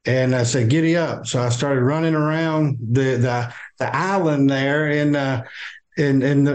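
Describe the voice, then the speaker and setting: An older man from the American South, telling a personal story in an interview, halting with many fillers and restarts. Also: medium pitch, a little mellow. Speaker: guest.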